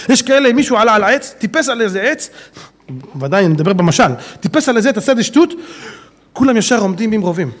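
A man's voice: sits high, fairly bright tone. A male preacher delivering an emphatic sermon with stories and rhetorical questions, often addressing his listeners directly. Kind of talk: Hebrew sermon with storytelling.

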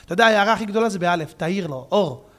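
A man, a rabbi, preaching an impassioned sermon who swings between fiery outbursts and soft pleading to his audience. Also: high voice, expressive, a little hiss or hum.

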